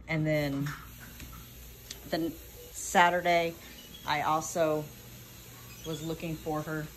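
A woman's voice: deep voice, slight background noise. A woman vlogging casually about her chicks, chatty and plainspoken, with many ums and restarts, talking behind a phone camera at home. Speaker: small farm vlogger. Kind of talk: casual off-camera narration while filming.

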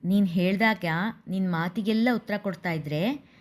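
A woman voicing a sensible middle-aged younger sister who teases and reasons calmly. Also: medium pitch, normal speed, lightly acted. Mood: reasoning. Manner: teasing, reasoning.

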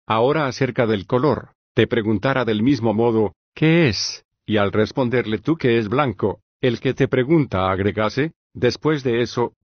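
A male reader voicing Socrates, an older patient philosopher, reading in an even, measured way with long reasoned questions. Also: medium pitch, dry recording, muffled recording, lightly acted. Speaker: audiobook reader. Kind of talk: scripted audiobook reading of a philosophical dialogue.

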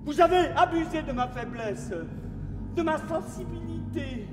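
An actor playing a panicky, miserly rich man in a live stage comedy, talking in a shrill, frantic way. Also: unhurried. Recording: roomy theater stage with music.

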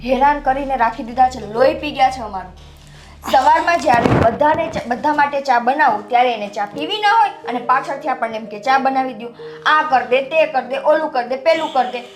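An actress playing a frustrated young daughter-in-law who complains with an indignant edge. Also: female voice, sits high, fairly quick, over music, close to an everyday voice. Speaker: young wife in family drama. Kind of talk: Gujarati family drama acting. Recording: echoey room.

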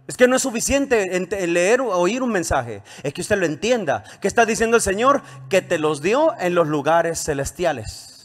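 A male pastor preaching a sermon, throwing rising questions to the congregation and calling for amens. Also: high voice. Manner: preaching with call-and-response, rising emphatic questions.

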